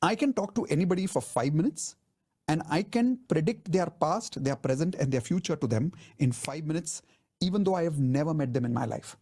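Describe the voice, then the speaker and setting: A man hosting a live coaching webinar, energetic and persuasive, often asking viewers to type answers into the chat. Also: on the high side, fairly quick, husky. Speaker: life coaching webinar host. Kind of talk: live sales webinar presentation.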